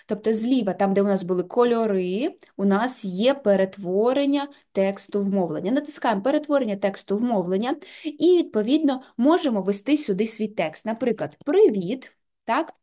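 A woman giving a patient, step-by-step software tutorial, leaning on filler words as she goes. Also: medium pitch, expressive, moderate pace.

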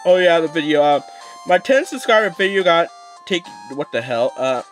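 A man's voice: fairly high pitch, animated, normal speed, a bit bright, faint music behind. A young man rambling through casual let's play commentary, swearing often and restarting his sentences. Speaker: gaming YouTuber.

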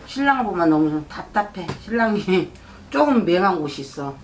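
With a fairly low, sing-song voice at normal speed, a middle-aged shaman fortune teller scolds a client and hands her blunt advice, repeatedly checking whether she understands. The consultation takes place in an indoor shrine office, with slight background noise.

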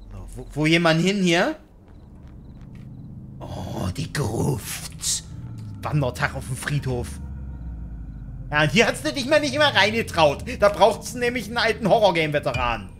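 A man's voice: a little high, sing-song, moderate pace, fairly bright tone, a little hiss or hum. A man giving casual, sarcastic and crude commentary while playing a video game, joking and talking back at the game. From Germany. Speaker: gaming YouTuber. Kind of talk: casual let's-play commentary.

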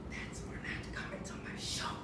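A young man from Kenya performing a stand-up routine in a small comedy club, with a wry, conversational delivery and deadpan punchlines. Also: moderate pace, very noisy. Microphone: handheld mic, filmed from far in the audience. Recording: echoey club from far off with audience laughter.

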